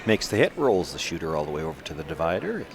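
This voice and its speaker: A man's voice: sits low, big pitch swings, fast. A man giving live play-by-play curling commentary in a conversational way, putting questions to fellow commentators. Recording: noisy sports arena broadcast.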